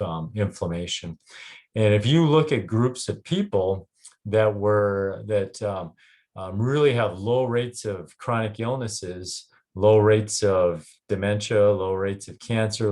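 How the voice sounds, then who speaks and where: A middle-aged man with a Canadian accent and a somewhat low voice talks casually to a group about health. He stops often, filling gaps with ums and starting his sentences over. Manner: halting, frequent ums and restarts. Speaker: health clinic doctor.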